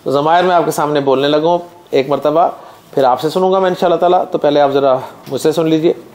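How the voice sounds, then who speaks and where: A man's voice: fairly high pitch, steady tone, fast, a little mellow. A man teaching Arabic grammar in a classroom, chanting word lists in a sing-song drill and explaining to his students.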